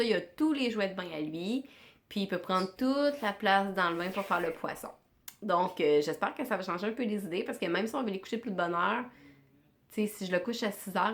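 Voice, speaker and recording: A woman's voice: mid-range voice, fairly bright tone. A woman in her thirties with a Québécois French accent, chatting informally in a casual family vlog. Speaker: vlogger and mother.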